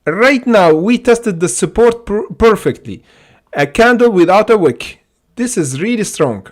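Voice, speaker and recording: Excitable and high-voiced, a stock trading livestream host with Arabic as his first language reviews charts casually at a measured pace. He peppers his talk with fillers and repeated "okay?"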